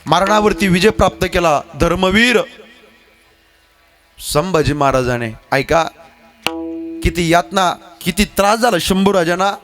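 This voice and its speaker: Man, kirtan preacher, fiery declamation, high voice, live sermon with music. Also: measured pace, long pauses. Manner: declamatory, rousing the crowd with chants.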